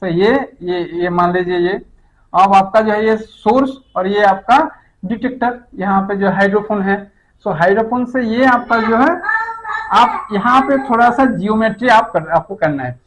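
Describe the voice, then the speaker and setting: A man's voice: high-pitched, moderate pace, low-quality recording. A middle-aged man teaching a physics lesson, explaining step by step and checking in with his students. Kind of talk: classroom lecture.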